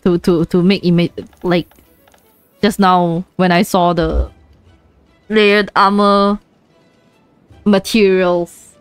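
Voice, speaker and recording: A young woman with a Chinese accent chats playfully on a gaming stream, giggling often and repeating words in little bursts. She talks slowly at a medium pitch. Her voice sounds close and dry, with faint music underneath. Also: fairly even intonation, clear, resonant tone, no room sound. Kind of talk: casual gaming chat.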